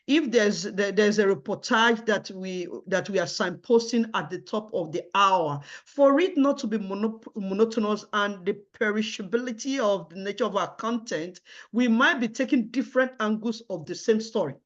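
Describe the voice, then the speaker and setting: Woman answering formal interview questions, kinda halting and repeating herself, muffled lo-fi sound. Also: medium pitch. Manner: hesitant, repeating and restarting words. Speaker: job candidate in a mock interview. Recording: dull, lo-fi audio.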